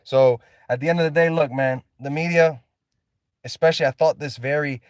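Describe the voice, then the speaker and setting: A man's voice: fairly high pitch, steady tone, moderate pace, clean tone, dry recording, clean studio sound. A man in an unscripted vlog, ranting with passion and a preachy tone, repeating and restarting as he goes. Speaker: vlogger. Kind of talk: unscripted driving vlog monologue. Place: inside a car.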